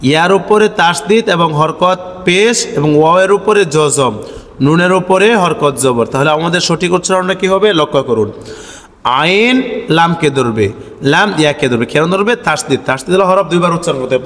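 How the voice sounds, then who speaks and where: A man's voice: high voice, brisk, a bit bright, in a large hall. A man teaching Quran reading, chanting each letter-by-letter spelling in a sing-song drawl and then asking and answering his own questions. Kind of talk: spelling-out recitation lesson.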